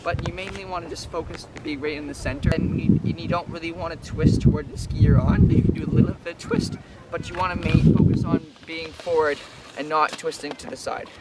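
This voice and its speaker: A young man walks beginners through ski technique in a relaxed, step-by-step way, with plenty of fillers. His voice sits a little high and is picked up from a distance outdoors, with clear background noise. It sounds like a camera recording on a snowy trail. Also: a little fast. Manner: casual, explains step by step with fillers. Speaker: ski instructor. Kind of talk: outdoor instructional talk.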